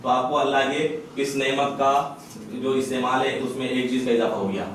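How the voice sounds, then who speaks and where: A man teaching Quran recitation in a madrassa classroom. He quizzes students over and over and slowly demonstrates each sound. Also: mid-range voice, little pitch movement, fairly bright tone, a little hiss or hum. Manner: drills students with repeated questions and slow sound demonstrations. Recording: echoey classroom from far off.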